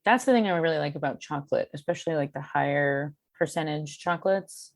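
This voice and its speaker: Low-voiced chatty woman. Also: gravelly, no room sound, clean studio sound. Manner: chatty, self-deprecating, halting restarts. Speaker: guest, cartoonist and beer educator. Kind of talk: casual podcast chat.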